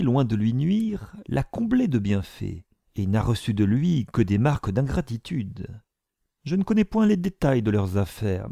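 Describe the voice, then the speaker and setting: A man's voice: mid-range voice, vocal fry, dark tone, no room sound, studio quality, exaggerated voice. A man voicing a haughty, scornful young society lady who speaks with polite disdain.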